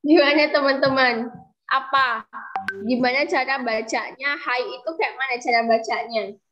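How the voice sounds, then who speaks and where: A young woman with a high voice teaches English over a video call, chatty and encouraging, often prompting her students to try. The audio is dull and lo-fi, like an online class call. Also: fairly even intonation, takes it slowly, pauses often, fairly bright tone, soft background music. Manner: chatty, calls herself kakak, coaxes students to answer. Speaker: English tutor. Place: room growing dark, using a flashlight.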